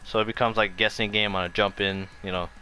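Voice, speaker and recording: A man gives an off-the-cuff fighting game tutorial, explaining loosely and circling back over his points, with music playing behind him. His voice sits on the low side, level and fast, pushed and bright. There is slight background noise.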